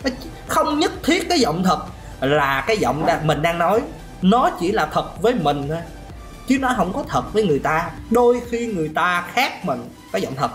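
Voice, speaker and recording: A man teaching singing in a lively question-and-answer lesson, often chuckling and demonstrating voices. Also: high voice, normal speed. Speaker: vocal coach. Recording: roomy room with faint music.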